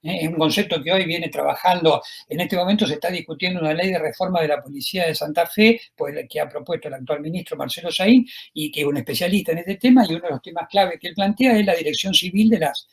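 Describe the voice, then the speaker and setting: A man with an Argentine accent giving a university lecture as a law professor, talking in a discursive way with frequent filler pauses and tag questions to his listeners. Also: a little high, creaky, breathy edge. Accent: Argentine Spanish.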